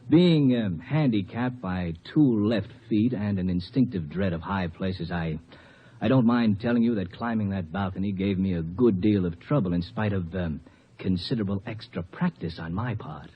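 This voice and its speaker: For a 1950s radio commercial, an actor plays a bashful, clumsy young amateur actor who tells his story in a hesitant, mock-formal way with a sheepish mood. His voice is deep and slightly rough, at a moderate pace. The old radio recording sounds muffled.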